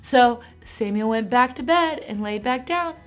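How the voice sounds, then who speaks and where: An animated, encouraging woman who teaches a Bible lesson to preschool children. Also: a little high, unhurried.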